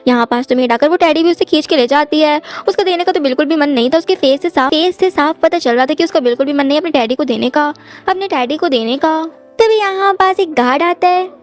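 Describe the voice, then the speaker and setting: A woman's voice: high voice, fairly quick, few pauses. A woman narrating a drama recap in a storytelling manner, repeating the same linking phrases. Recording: faint background music.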